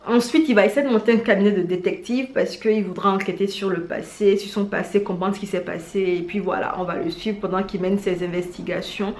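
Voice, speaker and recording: A woman vlogger chatting casually in an animated, slangy, self-mocking way as she gives recommendations. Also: mid-range voice, fairly quick, hardly any pauses. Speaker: vlogger presenting drama recommendations. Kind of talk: casual chat to camera. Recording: roomy indoor echo.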